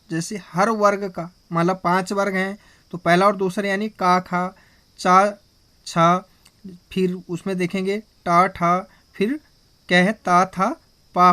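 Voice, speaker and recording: A man's voice: high voice, fairly bright tone. A man teaching Hindi grammar in a classroom style. He asks himself questions, answers them, and keeps checking in with his listeners. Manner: slow, repetitive spelling-out of sounds.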